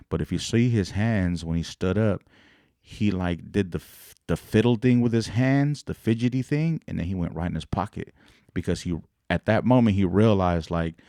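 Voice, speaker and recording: Deep-voiced slangy man on a podcast. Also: warm tone, dry recording, clean studio sound. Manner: slangy, rambling, acts out quoted voices. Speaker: podcast host. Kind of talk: casual commentary.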